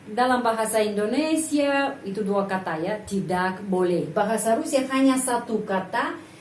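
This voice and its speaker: A woman's voice: mid-range voice, moderate pace, slight background noise. A woman giving a language lesson, explaining patiently and repeating example phrases. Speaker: language teacher. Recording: echoey room, voice from off-mic.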